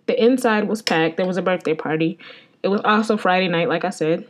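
A woman's voice: fairly low pitch, fairly quick, a little hiss or hum. A woman hosting a podcast, telling a story in a rambling, profane, exasperated way. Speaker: podcast host. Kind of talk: casual storytelling.

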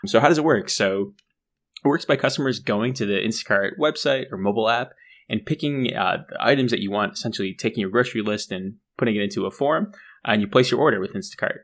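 A man's voice: lowish voice, quick pace, fairly bright tone. A man co-hosting a casual podcast, explaining a company in a chatty way with frequent restarts. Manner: chatty, restarts and fillers, laughs at own jokes. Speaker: co-host.

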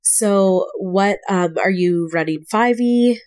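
A woman hosts a relaxed podcast chat, her voice stuffed up from a cold. She sounds upbeat and enthusiastic as she asks her questions. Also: medium pitch, takes it slowly. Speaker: podcast host. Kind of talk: casual interview.

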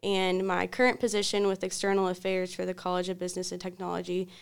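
A college student in her twenties from Kentucky, a woman answering interview questions in a friendly, steady way. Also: fairly low pitch, quick pace, vocal fry, clear, resonant tone. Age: 20s. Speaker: student guest.

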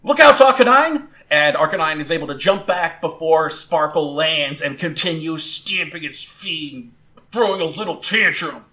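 A man narrates a tabletop creature battle as game master, rambling through fillers and restarts. His voice is bright and sits a little high. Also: normal speed.

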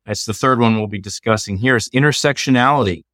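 A middle-aged man, a law professor, explaining ideas in a measured, lecturing way during a conversation. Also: mid-range voice, a bit bright, dry recording, clean studio sound.

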